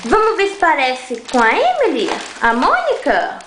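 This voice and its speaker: A woman's voice: high voice, huge pitch swings, unhurried. A young woman from Brazil filming her baby at home, coaxing and cheering her on in a sing-song voice. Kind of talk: home video baby talk. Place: home room, indoors. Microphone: handheld camcorder. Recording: echoey room with loud noise.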